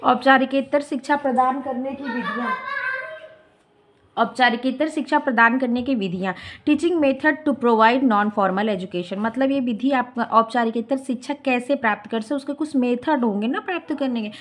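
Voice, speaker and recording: Hindi-speaking woman teacher, lively rhetorical lecture. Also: fairly high pitch, normal speed, a little hiss or hum. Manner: mixes English terms into explanations, asks rhetorical questions. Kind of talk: classroom lecture explaining notes.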